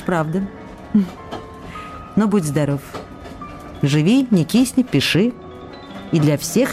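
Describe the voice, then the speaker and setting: In a radio play, an actress portrays a tender, lovestruck young actress reading her letters aloud, intimate and wistful with pensive pauses. Her mid-range voice is mellow, the acting light and the mood affectionate.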